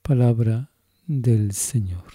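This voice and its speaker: A man's voice: medium pitch, dark tone, slightly rough, no echo. A man, a priest, solemnly reciting Latin Mass prayers and reading the Gospel aloud in Spanish. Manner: slow, solemn intoning.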